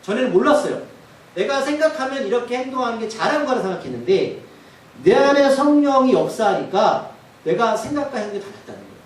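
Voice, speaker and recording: A man's voice: very high-pitched, sing-song, fast. A male pastor preaching a sermon, often putting questions to the congregation. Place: church sanctuary. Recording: echoey church hall from far off.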